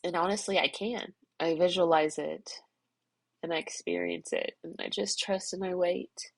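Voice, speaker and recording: This emotional personal vlog features a middle-aged woman thinking aloud, tearful and stuffed up, rambling as she reflects on herself. Her lowish voice is gravelly, with fairly even intonation at a normal speed.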